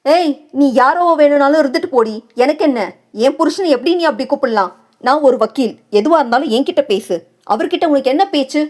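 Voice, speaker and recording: A fiery young wife and lawyer, sharp-tongued and jealous, as a woman narrator puts her on in an audio novel. She scolds and teases in a raised voice that sits above the reader's own. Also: high-pitched, lively intonation, moderate pace. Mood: angry.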